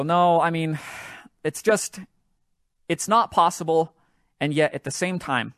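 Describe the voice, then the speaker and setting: A man hosts his own podcast, retelling a game with animated, excitable storytelling. His voice sits a little high for a man. The sound is dry and close, with no room around it. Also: dry recording. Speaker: podcast host. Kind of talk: solo podcast storytelling about sports.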